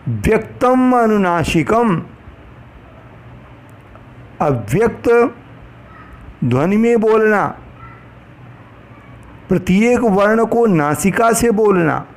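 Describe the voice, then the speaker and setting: A man giving a measured lecture on pronunciation to trainee teachers, explaining each point slowly and reciting Sanskrit verses. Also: high-pitched, animated.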